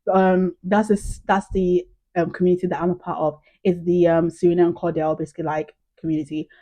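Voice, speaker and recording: Chatty British woman, lowish mellow voice. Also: flat delivery, fast. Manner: chatty, gushing, heavy use of "like" and "um". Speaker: vlogger. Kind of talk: casual chat to camera.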